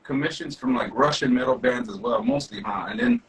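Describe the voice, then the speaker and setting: A man's voice: medium pitch, sing-song, a little fast, vocal fry, poor audio. A man hosting a casual podcast, loose and swearing, laughing often. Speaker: podcast host.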